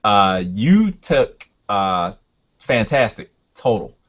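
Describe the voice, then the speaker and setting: A man running a tabletop game as game master, talking casually and haltingly as he thinks aloud and checks rules. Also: lowish voice, big pitch swings. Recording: dull, lo-fi sound.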